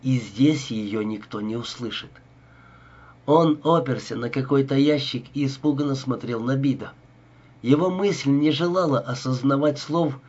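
A man reading a crime story aloud as narrator in a steady, even manner. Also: mid-range voice, slightly rough. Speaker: audiobook narrator. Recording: dull lo-fi recording.

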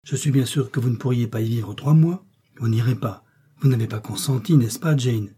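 A man's voice: mid-range voice, moderate pace, mellow, slightly rough. A man reading an earnest, pleading young woman. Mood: alarmed. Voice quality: urgent, pleading.

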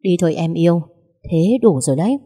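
A woman voicing a calm, teasing young man who keeps pursuing the heroine in a read-aloud story. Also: fairly low pitch, a little fast, breathy edge, big-room sound. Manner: teasing, steady and unbothered.

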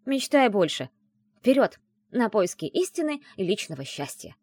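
A woman reading an audiobook and voicing a brash, teasing young woman who is the heroine's best friend, talking in a loud, mocking, bossy way. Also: mid-range voice, very animated, moderate pace, breathy edge, no room sound, studio quality, voice pushed up.

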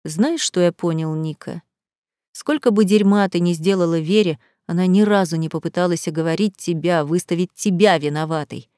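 A woman voicing an angry young groom who talks in harsh, low, menacing tones in an audiobook. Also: moderate pace, dark tone, dry recording, clean studio sound, lightly acted. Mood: scornful. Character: angry young man, bitter and contemptuous groom.

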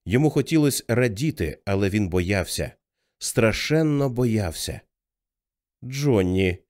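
Give me an expressive male narrator reading a novel, with a lively pitch. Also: moderate pace. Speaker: audiobook narrator. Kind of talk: scripted narration.

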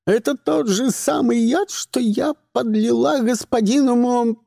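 A man's voice: very high voice, unhurried, gravelly, warm tone, dry recording, studio quality, voice pushed up, full character voice. A man voicing a shrieking, frantic woman poisoner. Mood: threatening shriek. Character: hysterical murderous older woman poisoner.

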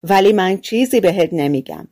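A woman's voice: medium pitch, expressive, dark tone. A woman voicing a selfish, scornful younger prince in a fairy-tale audiobook, with a sneering manner.

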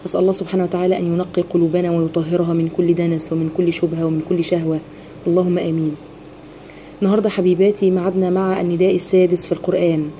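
A woman with an Egyptian Arabic accent teaches a religious lesson on Quran recitation, going step by step, posing rhetorical questions and slowly demonstrating each phrase. Her voice is lowish and mellow, with a little hiss or hum on the recording.

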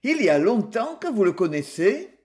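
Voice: mid-range voice, sing-song, normal speed, darkish tone, close to an everyday voice. A reader voicing a brusque male police inspector who questions bluntly. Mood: probing. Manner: blunt, interrogating.

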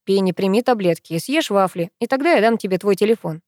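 Low, controlling middle-aged professor, read by a woman; clipped orders, no room sound. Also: animated, brisk, darkish tone, dry recording, clean studio sound, natural voice. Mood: stern. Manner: low, curt and commanding.

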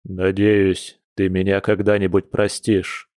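A man voicing a hot-tempered, protective bear shapeshifter, gruff and intense, in an audiobook. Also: completely flat delivery, takes it slowly, darkish tone, no room sound, clean studio sound. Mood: tender resolve. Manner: gruff, intense, with low hissed anger. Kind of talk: audiobook character reading.

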